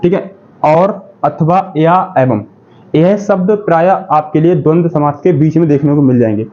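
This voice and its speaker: Male exam-prep tutor, high voice, drilling by call and answer, dull lo-fi recording. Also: normal speed. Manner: repeats questions and answers them himself, says "ठीक है" often. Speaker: exam-prep Hindi teacher. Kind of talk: classroom-style lesson. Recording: dull lo-fi sound.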